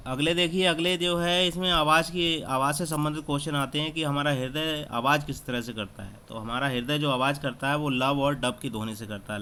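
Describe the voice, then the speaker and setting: Bright-voiced man teaching exam prep. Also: fairly high pitch. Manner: asks a question then answers it himself, repeating key terms. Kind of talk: exam-prep lesson over screen recording. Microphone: screen-recording app mic.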